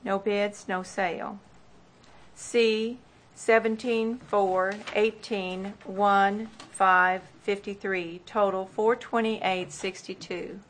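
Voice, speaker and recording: Woman auctioneer reading out lot numbers and bids, slow and procedural, digit by digit. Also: mid-range voice, steady tone, fairly bright tone, slight background noise. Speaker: auctioneer at a property tax sale.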